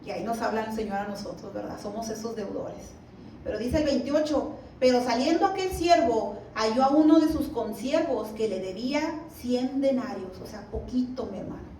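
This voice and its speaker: High-voiced woman teaching in an echoey hall. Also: expressive, dark tone. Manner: reads scripture slowly, asks the listeners "¿verdad?". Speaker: Bible teacher. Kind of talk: church Bible lesson. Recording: echoey room, mic at a distance, faint background noise.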